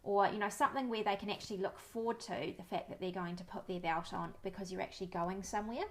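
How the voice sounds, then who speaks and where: A woman, a parenting educator giving calm, friendly advice to camera with personal stories. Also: mid-range voice, fast talker. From New Zealand. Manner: friendly, anecdotal, calm and reassuring.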